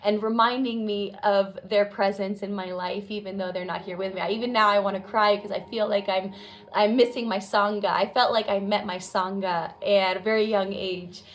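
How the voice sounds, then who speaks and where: A woman in her twenties telling a personal story in an earnest, heartfelt, reflective way. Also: medium pitch. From United States. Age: 20s. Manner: earnest, heartfelt, reflective, acts out quoted dialogue. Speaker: vlogger.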